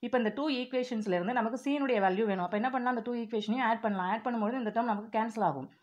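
A woman teaching an exam-prep maths lesson, working through formulas step by step and reading each term slowly and deliberately. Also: on the high side, darkish tone, lo-fi sound.

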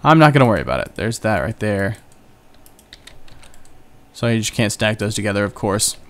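Very animated and fairly low-pitched, a young man talks through his computer gameplay at a normal speed. He hosts a gaming channel, and this casual Let's Play commentary wanders along, chatty and full of self-directed jokes.

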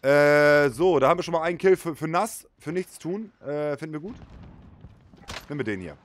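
A man streaming games live, chatting casually with viewers in a slangy, excitable way and a slightly hoarse voice. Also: a little high, moderate pace, a little hiss or hum. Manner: slangy, excitable, prone to loud outbursts. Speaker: Twitch streamer. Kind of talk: casual live-stream chat over gameplay.

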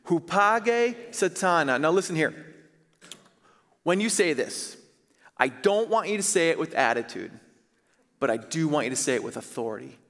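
A man in his thirties, a pastor preaching on a church stage, earnest and emphatic, slowing to stress key phrases. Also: a little high, a bit bright. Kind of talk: sermon. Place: large church stage, indoors. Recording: reverberant church hall.

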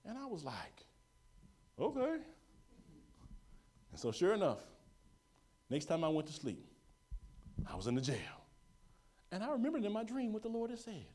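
A man preaching a sermon to his congregation, animated and storytelling, calling for amens and dropping to hushed tones. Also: high voice, moderate pace, long pauses. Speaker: pastor.

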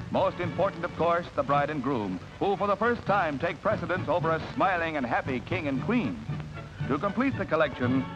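Man, old newsreel narrator, high lively voice, dull lo-fi sound with music. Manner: brisk, upbeat announcer delivery.

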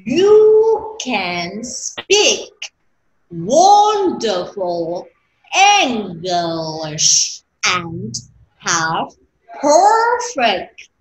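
A woman teacher giving an online English pronunciation lesson, drilling words slowly and coaxing her class in a chatty, teasing way. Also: a little high, a bit bright, a little hiss or hum. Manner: drills words slowly, stretching each sound.

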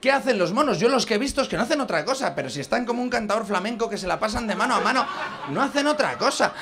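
Lively exasperated Spanish stand-up comedian. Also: male voice, high voice, very fast, background noise. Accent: Spain Spanish. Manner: rambling, exasperated, peppers lines with "¿sabes?". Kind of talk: stand-up monologue. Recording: audience laughter in the room.

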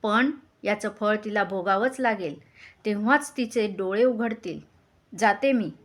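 A woman voicing a poor, proud old beggar woman who speaks softly with a cough in a folk tale. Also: mid-range voice, a little slow, close to an everyday voice. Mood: indignant. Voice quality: soft voice with coughing.

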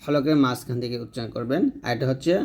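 A man teaching Arabic letter pronunciation, patiently repeating each sound slowly for learners to copy. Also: medium pitch, fairly even intonation. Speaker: Quran reading teacher. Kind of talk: step-by-step pronunciation lesson.

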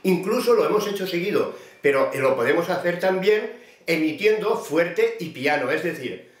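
A man's voice: high voice, animated, moderate pace. Patient male voice teacher, echoey room. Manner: patient, explanatory, addressing a student by name. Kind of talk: vocal technique lesson.

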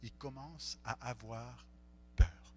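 A man preaching a sermon as pastor, speaking in an animated way and acting out the voices of the people in the story. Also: mid-range voice, slow, soft background music. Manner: animated, acts out the disciples' voices. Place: church. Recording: echoey church hall, faint hum.

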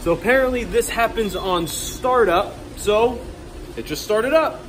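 His voice sits high and fairly bright, moving at a measured pace. He's an HVAC tech in his thirties filming his day on the job, often down in cramped boiler basements, chatting casually and partly to himself into a phone at arm's length. The low-quality recording carries a little hiss or hum.

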